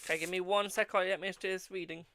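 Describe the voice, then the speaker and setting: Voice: mid-range voice, steady tone, rapid-fire, noisy background. A British fortune teller chatting casually with viewers on a live stream and giving readings, addressing them as darling.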